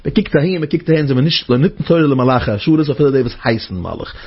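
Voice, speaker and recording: A man giving a religious talk as a lively story, jumping now and then into high exclamations, on a dull lo-fi recording. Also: quick pace, breathy edge. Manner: animated, jumps into high exclamations. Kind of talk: storytelling sermon.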